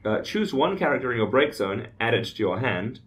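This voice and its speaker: A man's voice: medium pitch, big pitch swings, brisk, a bit bright. A man co-hosting a casual gaming podcast, joking and reading card text aloud. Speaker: podcast co-host. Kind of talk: casual chat about card games.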